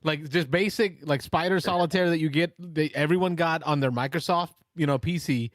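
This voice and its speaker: A man's voice: a little high, a little fast, no echo, studio quality. A man in his forties hosting a call-in show, chatting casually and telling stories. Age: 40s. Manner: chatty, storytelling. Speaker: host. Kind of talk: casual chat.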